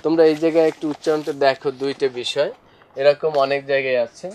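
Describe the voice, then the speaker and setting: A man's voice: fairly high pitch, flat delivery, quick pace, darkish tone, clean tone. A male teacher giving a classroom lesson, speaking to students directly and listing examples one after another. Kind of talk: classroom lesson explaining vocabulary.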